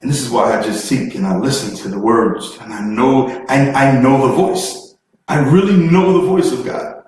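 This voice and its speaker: A man's voice: mid-range voice, normal speed, a little mellow. A man giving a preachy motivational seminar talk, fervent and repetitive, building in intensity and laughing through his words. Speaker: motivational speaker. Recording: very echoey room, far from the mic, faint noise.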